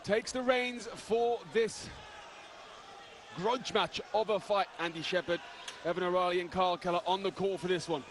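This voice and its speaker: A man's voice: sits high, fairly even intonation, moderate pace, slight background noise. A man giving live play-by-play sports commentary as the lead broadcaster on a fight.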